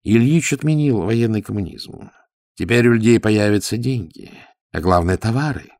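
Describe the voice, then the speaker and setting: A man voicing an eager, optimistic male companion in an audiobook, cutting in with a lowered, enthusiastic voice. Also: animated, moderate pace, a little mellow, no room sound, clean studio sound.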